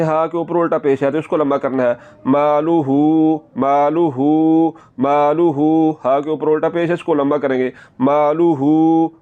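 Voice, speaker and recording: A man's voice: fairly high pitch, darkish tone, dull audio. A male Quran teacher giving a patient, step-by-step recitation lesson, repeating each word several times and drawing out the long sounds.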